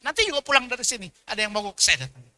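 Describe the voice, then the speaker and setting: A man preaches with lively, animated storytelling, slipping into the voices of people in his anecdotes. His voice sits high for a man and rings with a very bright, cutting edge. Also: racing, no room sound. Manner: animated storytelling, mixing in Sundanese dialogue and acting out people in his stories. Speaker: pastor. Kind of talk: sermon.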